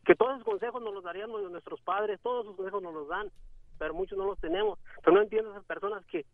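A male caller rambles with agitation over a thin phone line. His voice is high, quick and gravelly. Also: big pitch swings, dry recording.

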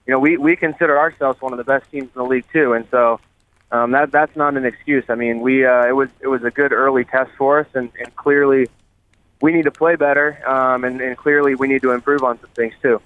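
A man calling in on speakerphone while he drives, talking in a relaxed, halting way. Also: mid-range voice. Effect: on speakerphone in a car. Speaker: guest player. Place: driving in a car. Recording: tinny phone line.

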